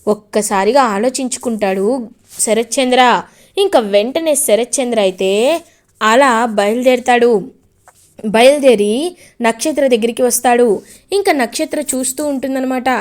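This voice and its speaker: A woman retelling a TV serial episode with dramatic, lively storytelling. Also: fairly high pitch, normal speed, pauses often.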